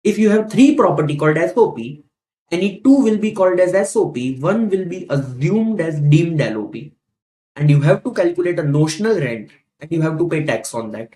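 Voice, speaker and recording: A man's voice: fairly high pitch, expressive, a little fast, warm tone, poor audio. A man with an Indian accent lecturing as a teacher, repeating key points and asking rhetorical questions in a didactic way. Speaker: tax teacher. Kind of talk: classroom lecture.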